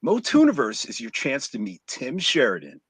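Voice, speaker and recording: A man co-hosting a casual live stream, reading out a jokey countdown list with dramatic pauses. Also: mid-range voice, huge pitch swings, breathy edge, no echo.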